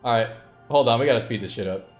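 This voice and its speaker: A man's voice: medium pitch, fast, soft background music. A man in his late twenties streaming from a small room at his desk, casually thinking aloud, joking and swearing. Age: late 20s. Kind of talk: casual live-stream commentary.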